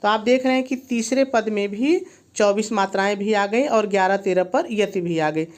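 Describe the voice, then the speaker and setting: A man's voice: high voice, moderate pace. A man teaching a poetry lesson, counting syllables aloud methodically and guiding students with frequent prompts to look and check. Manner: guides with frequent "see" and "okay" prompts. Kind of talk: online grammar lesson.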